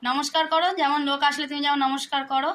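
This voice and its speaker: A woman's voice: sits high, flat delivery, very fast, fairly bright tone. A woman vlogging at home, teasingly coaxing her relatives to speak up for the camera. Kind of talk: casual family vlog.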